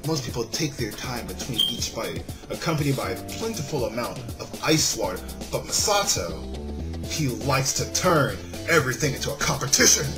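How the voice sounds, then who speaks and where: With the game's background music playing underneath, a man hosting a let's-play reads through a visual novel and offers casual remarks. He frequently trips over lines and fixes them. His voice sits in the mid range, with a sing-song lilt at normal speed.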